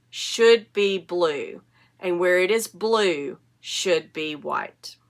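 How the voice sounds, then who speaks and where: A woman with a cold, sounding sniffly, hosts a casual knitting podcast full of show-and-tell chat. Her medium-pitched voice is pushed and bright, and she rambles in a chatty, enthusiastic way.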